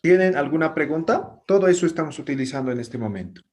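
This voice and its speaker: A man's voice: on the high side, expressive, quick pace, darkish tone. A man teaching a language class online, explaining patiently and often checking that his students follow.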